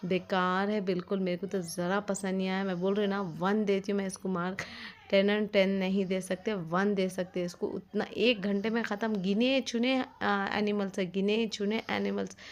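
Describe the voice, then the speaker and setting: A woman's voice: medium pitch, level tone, moderate pace. A young woman, vlogging in a rambling, complaining, chatty way with lots of fillers. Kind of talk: casual vlog narration.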